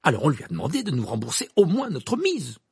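A man's voice: on the high side, huge pitch swings, fast talker, vocal fry, darkish tone, husky, pitched above the performer's own voice, heavily acted. A man voicing an aggrieved teenage twin boy in an audiobook, recounting a grievance with rising exclamations.

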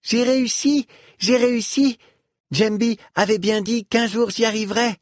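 A man voicing an eager, excitable young child in a storybook reading, with a high, breathless voice. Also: extremely slow, no echo, clean studio sound, heavily acted. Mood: triumphant.

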